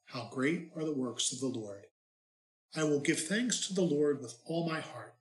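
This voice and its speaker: A man, a priest, reads scripture and gives a homily in an unhurried way with light, self-mocking humor, his voice carrying a cathedral echo. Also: fairly high pitch. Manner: plain, unhurried reading that turns to light, self-mocking storytelling. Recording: echoey church reverb.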